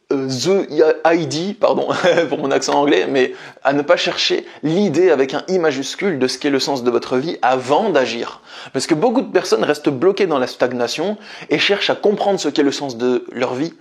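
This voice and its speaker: A man's voice: a little high, breathy edge. A man speaking as a life coach, giving earnest, explanatory motivational advice straight to his viewers.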